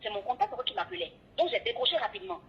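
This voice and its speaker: A woman's voice: fairly high pitch, fast talker, a little hiss or hum. A woman, a radio and TV presenter, tells her story in a phone interview and acts out each voice in the dialogue. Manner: lively retelling that acts out every voice in the dialogue. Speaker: radio and TV presenter recounting an ordeal. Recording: tinny phone line.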